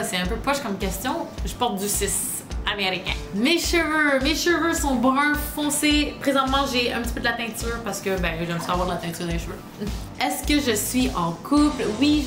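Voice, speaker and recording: A young woman with a Québécois accent talks to camera in a relaxed, chatty way. Her voice sits fairly high. The room echoes, and music plays clearly behind her. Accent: Québécois French. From Quebec, Canada. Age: 20s. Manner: chatty and relaxed, loose colloquial speech. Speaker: travel vlogger. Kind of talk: casual talk to camera.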